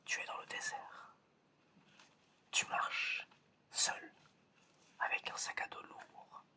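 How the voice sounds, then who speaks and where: In a whispered ASMR roleplay, the performer becomes an eccentric examiner checking if the listener is really human. Speech comes slowly and haltingly, phrases repeat, and the voice sounds pushed and bright.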